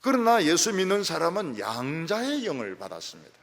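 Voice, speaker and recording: A gravelly-voiced male pastor preaching with a lively, rising-and-falling delivery. His voice swings between loud emphasis and soft trailing ends. The sermon rings out with a long reverb in a church hall. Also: fairly high pitch, a little fast. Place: church sanctuary.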